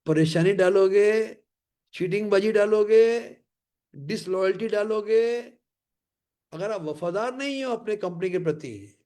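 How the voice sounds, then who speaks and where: Emphatic high-voiced male motivational trainer. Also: a little mellow. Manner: emphatic and repetitive, with slow English catchphrases. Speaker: leadership trainer.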